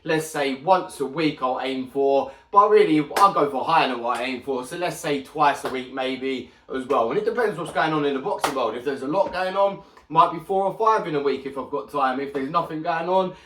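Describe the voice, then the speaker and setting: Chatty podcast host, slight lisp, somewhat high voice, roomy sound with the mic at a distance. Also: male voice, slight background noise. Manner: chatty, swears freely, animated. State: sore mouth with a slight lisp. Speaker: boxing channel host. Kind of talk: casual solo podcast talk. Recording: echoey room, mic set back.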